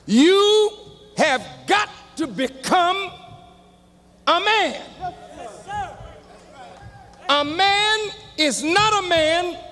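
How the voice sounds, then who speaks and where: High, slow-preaching male minister. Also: lively intonation. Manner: emphatic preaching with drawn-out phrases, rising to shouts; addresses the congregation directly. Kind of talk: sermon. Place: large hall before a congregation. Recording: long reverb of a large hall.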